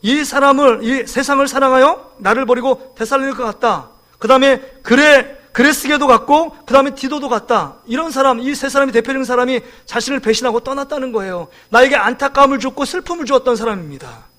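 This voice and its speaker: A man in his forties preaching a sermon in a church, lively and joking, often asking the congregation questions. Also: very high voice, brisk, hardly any pauses. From South Korea. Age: 40s. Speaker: pastor. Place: church sanctuary.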